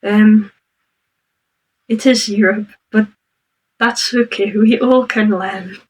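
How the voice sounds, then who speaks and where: Flat-voiced woman, far from the mic. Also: medium pitch, breathy edge. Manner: hesitant, full of ums, slow careful explaining. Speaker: reaction video host. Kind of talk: commenting on a played clip.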